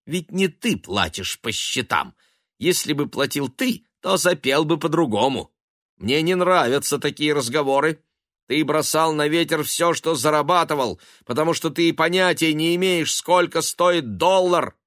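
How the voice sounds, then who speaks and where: A man's voice: a little high, moderate pace, fairly bright tone, no room sound, studio quality, voice pushed up, close to an everyday voice. A man voicing a stingy, reproachful old mother who scolds her grown sons in a bitter, self-pitying way. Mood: scolding.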